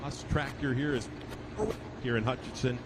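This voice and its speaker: A man's voice: steady tone, normal speed. A man calling a live tractor pull as the event announcer, building up the competitors and their records. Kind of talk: live motorsport event commentary. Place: outdoor tractor pulling event. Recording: noisy outdoor event with engine rumble.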